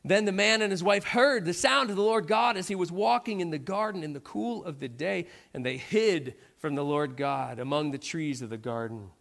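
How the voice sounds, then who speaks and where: A man's voice: a little high, normal speed, creaky, hardly any pauses, fairly bright tone. A middle-aged man preaching a sermon in a conversational way, often checking in with "right?". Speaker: pastor.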